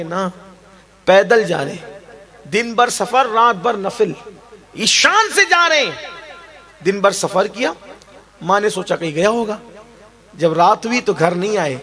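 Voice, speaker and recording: A male preacher delivers an emotional sermon in a notably high voice. He tells a story, building emphasis and urging the listeners on. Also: sharp tone.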